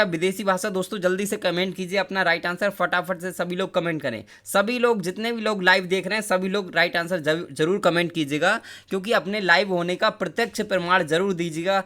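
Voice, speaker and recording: A man's voice: high-pitched, bright, forceful tone. A young man teaching an exam-prep lesson on a live stream, quizzing viewers and urging them again and again to comment their answers. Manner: coaxing, repeats phrases, keeps urging viewers to comment.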